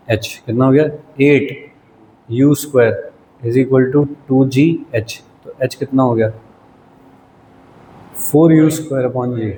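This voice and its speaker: A man's voice: mid-range voice, dark tone. Man teaching physics in an echoey classroom. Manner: quizzing students, teasing and casual. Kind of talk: classroom lecture. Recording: echoey room with faint noise.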